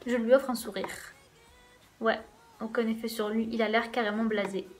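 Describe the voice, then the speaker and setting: A woman's voice: fairly high pitch, fairly even intonation, normal speed, soft background music. A woman hosting a let's play, reading a visual novel's first-person narration aloud in a casual way with wry asides.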